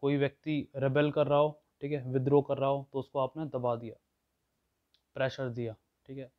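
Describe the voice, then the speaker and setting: A man's voice: medium pitch, level tone, normal speed. Man teaching vocabulary, lo-fi sound. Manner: explains words with everyday examples, often checks in with listeners. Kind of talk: explanatory lesson.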